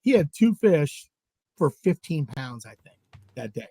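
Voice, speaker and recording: A man from Southern California, a guest angler, telling a fishing story in an animated way, with many restarts and asides. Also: on the high side, unhurried, dry recording, studio quality.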